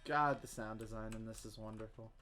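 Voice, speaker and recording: A man's voice: on the low side, brisk, slight background noise. A man from the Southern US with a Southern accent, rambling and joking through casual gameplay commentary while he streams. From Southern United States. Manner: rambling, self-mocking jokes, sudden excited squeals. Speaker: game streamer. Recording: clear keyboard typing and clicks behind.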